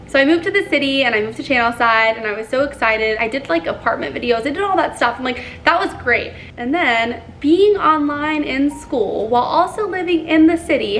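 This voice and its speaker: A woman's voice: on the high side, a bit bright, a little hiss or hum. A woman in her twenties talking earnestly in a casual confessional vlog, full of "like" fillers. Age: 20s. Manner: chatty, filler-heavy with frequent "like"; earnest, apologetic. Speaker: YouTuber.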